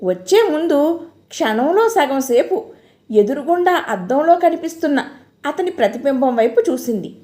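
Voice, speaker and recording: A woman narrating an audiobook novel in a measured, expressive storytelling manner. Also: high voice.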